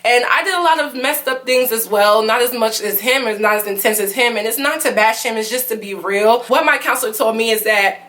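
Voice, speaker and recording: Fairly quick and barely pausing, a young woman with a lower voice and fairly bright tone confides relationship advice in her vlog. She is earnest, candid and filler-heavy, her emotion bordering on tears.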